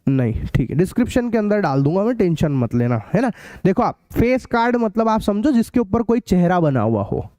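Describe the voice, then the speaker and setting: Chatty North Indian maths tutor, high voice. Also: male voice, sing-song, dark tone, no room sound, studio quality. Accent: Hindi-speaking north India, local card-game terms. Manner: chatty, repeats key phrases slowly, calls students beta and bhaiya. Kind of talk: live online maths class.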